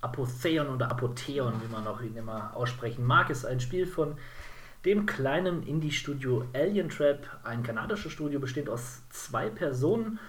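A man talking casually on a games podcast, at an ordinary middle pitch. He rambles along, stumbles over words and corrects himself mid-sentence, as if chatting with friends. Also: lively intonation, normal speed. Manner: rambling, many fillers and self-corrections. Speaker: podcast co-host. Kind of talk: casual game podcast chat.

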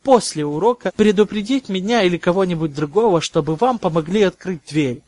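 Strict older schoolmistress in an audiobook, read by a man in a fairly high voice, clipped and reproachful. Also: expressive, a little fast, a little mellow, dry recording. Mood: stern. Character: stern older female professor.

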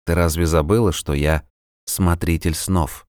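A man playing a calm, ghostly tightrope walker who keeps dreams and speaks softly and slowly, in an audiobook. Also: low-pitched, no room sound, studio quality. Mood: soothing. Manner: soft, slow, soothing.

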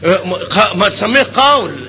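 An older man with an Egyptian Arabic accent teaching a hadith class, animated and constantly quizzing his students with questions. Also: high voice, fairly quick, husky, low-quality recording. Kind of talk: classroom lecture.

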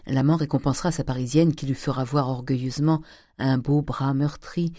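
Audiobook reader, measured narration, mellow dark tone, dry close sound. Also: mid-range voice, steady tone, no room sound.

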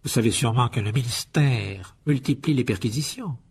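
A man doing a storybook aristocrat, a wizard father who is cold, haughty and sure of his own rank. He talks in a clipped, condescending way with a slightly husky voice. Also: mid-range voice, normal speed, a little mellow.

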